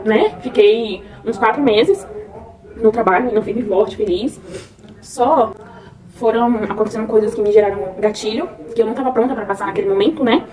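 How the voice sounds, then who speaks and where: A Brazilian woman telling a personal story in a soft, heartfelt way, often adding "né?" to her sentences. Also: mid-range voice, far from the mic, rough recording. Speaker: vlogger. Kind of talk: personal testimony.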